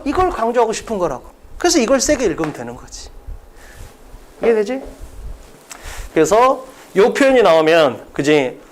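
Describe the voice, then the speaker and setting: A man giving a test-prep English lecture in a brisk, emphatic classroom style, often asking a question and answering it himself. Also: high voice.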